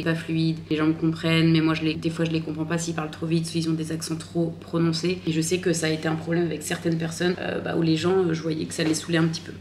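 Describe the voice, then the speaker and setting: A woman's voice: on the low side, darkish tone, slight background noise. A woman vlogging casually as an online fitness coach, chatty and informal, with plenty of fillers and restarts. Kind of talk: casual vlog chat.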